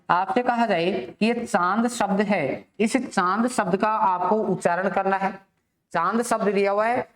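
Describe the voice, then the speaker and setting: A man teaching a grammar lesson for exam students. He asks the class questions, answers them himself, and repeats the key terms. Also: high voice. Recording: echoey room.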